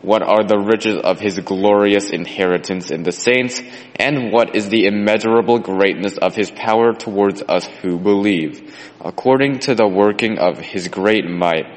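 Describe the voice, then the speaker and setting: A man reading scripture aloud in a steady, measured liturgical manner, with cathedral echo around him. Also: fairly low pitch. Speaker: scripture reader. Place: large church sanctuary. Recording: long reverb of a large church.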